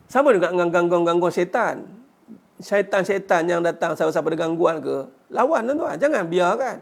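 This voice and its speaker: A man with a high, gravelly voice delivers a religious lecture. He speaks earnestly as a teacher, urging his listeners on. He drops a quick "ha" between points and poses rhetorical questions.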